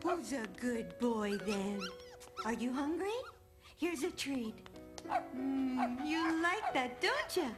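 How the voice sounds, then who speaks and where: A woman voicing a patient cartoon grandmother who gently coaxes and reassures a frightened child. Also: high-pitched, very animated, unhurried. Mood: cooing. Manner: soothing, coaxing, reassuring. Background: music.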